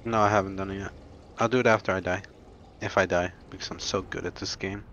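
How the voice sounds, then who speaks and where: A man's voice: deep voice, steady tone, fast talker, muffled recording, very noisy. A young man in casual chat while gaming, teasing and joking with his co-player. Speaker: streamer's gaming partner.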